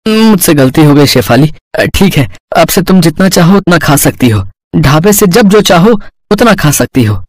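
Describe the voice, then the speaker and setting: An actor voicing a poor young husband in a cartoon story who runs a small roadside eatery, anxious and pleading. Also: male voice, on the high side, big pitch swings, moderate pace, dry recording. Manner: pleading, worried.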